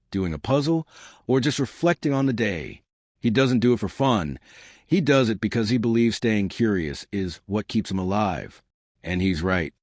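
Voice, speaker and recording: Deep-voiced male narrator, lively intonation. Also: no room sound, studio quality. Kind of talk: scripted narration, health advice video.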